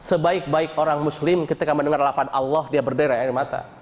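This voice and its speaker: Lively man preaching in a hall. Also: fairly high pitch, quick pace. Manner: lively, animated preaching with chanted dhikr and colloquial asides. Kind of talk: Islamic sermon. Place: mosque hall.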